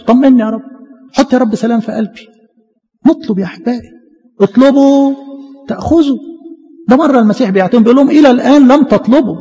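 An Egyptian man preaches a sermon as a priest, fast and impassioned, with rhetorical questions. His voice is gravelly and warm. The dull recording carries the long reverb of a church hall. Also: high-pitched. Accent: Egyptian Arabic.

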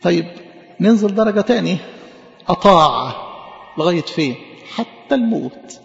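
A man's voice: high voice, animated, moderate pace, creaky, roomy sound, big-room sound, dull audio, faint music behind. A man with an Egyptian Arabic accent preaching a sermon, asking rhetorical questions and repeating words for emphasis.

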